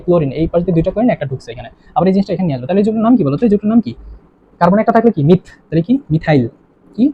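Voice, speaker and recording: Rapid-fire man tutoring chemistry. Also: sits high. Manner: quizzing, repeating questions to students. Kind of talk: online lesson. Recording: dull lo-fi recording with faint ambience.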